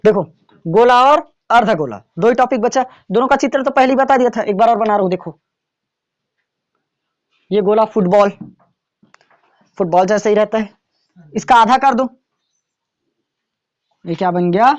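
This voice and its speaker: A man with a fairly high voice teaches a maths lesson in a classroom. He talks casually and keeps stopping to ask whether the students are following. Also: normal speed, long pauses, highs cut off.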